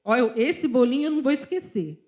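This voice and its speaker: A woman's voice: sits high, animated, brisk, a little mellow. Brazilian woman preaching a testimony sermon. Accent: Brazilian Portuguese. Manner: storytelling, often addressing the congregation directly. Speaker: church speaker.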